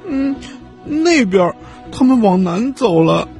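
A man's voice: very high voice, big pitch swings, unhurried, darkish tone, soft background music, pitched above the performer's own voice, exaggerated voice. A man voicing a timid little boy reindeer calf in a children's story, stammering shyly and sounding unsure.

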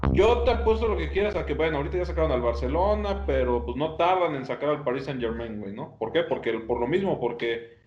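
A man's voice: a little high, animated, quick pace, hardly any pauses, a little mellow. A man with a Mexican accent co-hosting a casual chat, talking in profane, slangy street language. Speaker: podcast co-host. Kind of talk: casual chat, sports opinion. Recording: dull, roomy sound.

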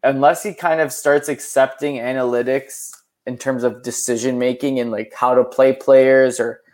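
A man's voice: mid-range voice, steady tone, normal speed, darkish tone. A young man co-hosting a podcast, chatting casually about hockey and rambling with lots of filler words. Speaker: podcast co-host. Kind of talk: casual sports chat.

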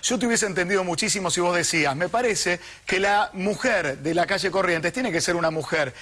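Bright-voiced Argentine man arguing formally. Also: high voice, a little fast. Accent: Argentine Rioplatense. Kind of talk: heated TV debate.

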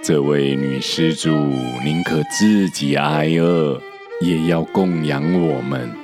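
A man voicing a gentle but stubborn old male monk in a storybook reading, measured and reproachful. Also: rumbling low, long reverb tail, over music. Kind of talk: storybook character voice.

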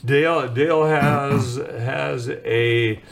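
A man's voice: mid-range voice, steady tone, drawn-out words. A man hosting a local news show in a casual, chatty way, reading community announcements. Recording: clear background room noise.

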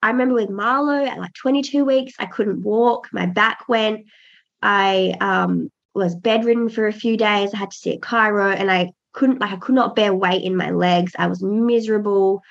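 Speaking at medium pitch and normal speed with fairly even intonation, this gravelly-voiced podcast guest is a pregnant birth doula in her thirties. The interview chat is casual, and she sounds earnest and reflective, restarting often, on dull lo-fi audio.

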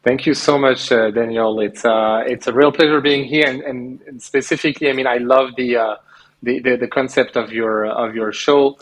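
A man's voice: mid-range voice, steady tone, moderate pace, poor audio. A man in his thirties from France, a podcast guest telling his story in a hesitant, casual way, full of restarts. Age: 30s. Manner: hesitant, many restarts and fillers. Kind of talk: casual interview conversation. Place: remote call from an island home.

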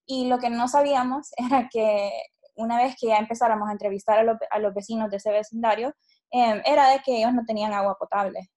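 A woman in her late twenties from Honduras, a startup CEO, speaking as an interview guest. She talks reflectively, pausing with fillers and restarting her sentences as she recalls her story. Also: a little high, steady tone, darkish tone. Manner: reflective, many fillers and restarts, occasional laughs. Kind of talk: casual interview answers.

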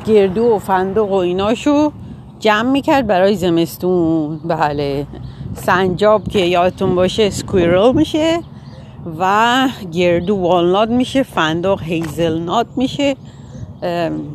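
A woman casually telling a children's story, pausing to explain animal names in English. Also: fairly low pitch, background noise. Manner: casual, informal, with fillers and self-corrections.

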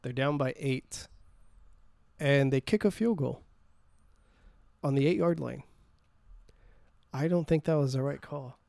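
A man's voice: mid-range voice, unhurried, gravelly, long pauses, darkish tone, no echo, clean studio sound. A man co-hosting a podcast, chatting casually about sports, blunt and teasing, swearing freely. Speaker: podcast co-host.

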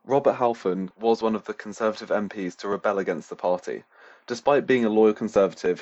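Low-voiced man reading scripted news. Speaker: radio news reporter. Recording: slightly dull, lo-fi audio.

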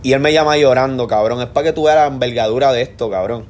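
A young Puerto Rican man co-hosting a podcast in casual chat, animated and swearing freely. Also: medium pitch, fast, a little hiss or hum. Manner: animated, swears a lot, tells stories. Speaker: podcast co-host.

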